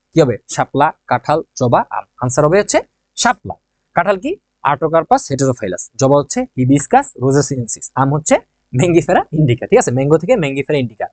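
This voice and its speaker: A quick, slightly high-voiced man runs an exam-prep lesson in a chatty, joking way. He keeps asking his own questions and answering them, and he repeats the key points. His voice is close to the mic in a dry room. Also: a little mellow, no echo. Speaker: teacher.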